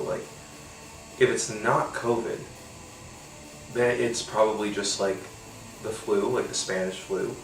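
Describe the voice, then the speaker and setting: With a voice on the low side, a podcast host rambles through a casual solo beer tasting, congested and nasal from a cold and full of fillers and casual swearing. The rough recording was made far from the mic in an echoey room.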